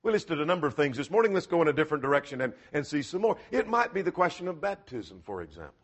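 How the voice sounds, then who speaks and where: A man's voice: a little high, sing-song, quick pace, husky. A man preaching a sermon in an earnest, emphatic way, asking rhetorical questions as he goes.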